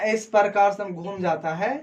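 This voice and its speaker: Coaching teacher at a board, mid-range voice, quizzes the class and supplies the answers, steady lecture pace. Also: medium pitch. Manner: asks the class questions, then answers them, slow and deliberate. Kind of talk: classroom lecture, explaining physics prefixes and Greek symbols.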